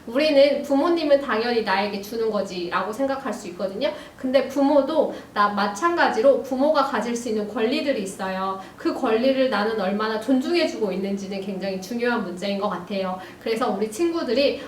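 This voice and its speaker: High-voiced woman teacher in a roomy space. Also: brisk, few pauses. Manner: gentle, addresses students warmly, frequent "ja" fillers. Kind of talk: recorded lesson for young students. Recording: roomy, distant mic, faint hiss.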